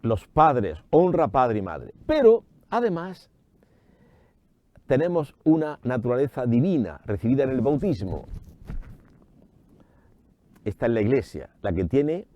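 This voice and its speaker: A priest giving an animated radio sermon, raising his voice for emphasis and voicing imagined doubters higher. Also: a little slow, long pauses, muffled recording. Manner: animated preaching with rising emphasis. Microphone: studio microphone.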